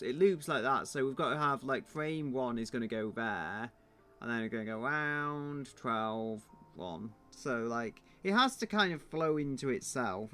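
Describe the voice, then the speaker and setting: Muttering man thinking aloud, lively pitch. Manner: muttering, self-deprecating asides. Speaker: streamer. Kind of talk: thinking aloud while drawing.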